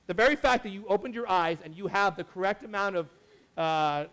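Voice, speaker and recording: A young adult man, a pastor, giving a casual sermon in a chatty, animated way with many asides and restarts. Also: sits high, fairly quick.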